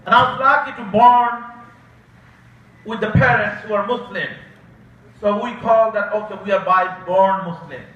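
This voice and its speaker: A man with a Bangladeshi accent giving a halting banquet speech, with many filler sounds. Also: sits high, fairly bright tone. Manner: halting, many filler uhs, informal grammar. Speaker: guest speaker, Senate candidate. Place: large event hall. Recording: echoey hall, distant dull mic.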